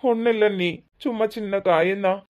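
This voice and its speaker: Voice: mid-range voice, steady tone, normal speed, natural voice. A performer voicing a worried young male coworker in a comedy cartoon, with a Tirunelveli Tamil accent and a subdued, matter-of-fact delivery. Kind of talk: cartoon voice acting. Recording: dull lo-fi sound.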